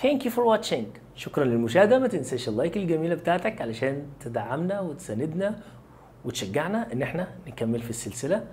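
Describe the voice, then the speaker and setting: A man with an Egyptian Arabic accent teaching English pronunciation, slowly repeating each word many times for learners. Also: on the high side, big pitch swings, a little mellow, a little hiss or hum. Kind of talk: pronunciation lesson.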